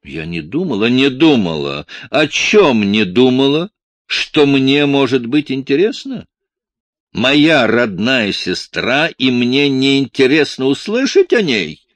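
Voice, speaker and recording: A man reading aloud and voicing a stern, pious older man who scolds and booms at his family, raised well above his own voice. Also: big pitch swings, slow pace, gravelly, heavily acted. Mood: indignant. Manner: booming, scolding.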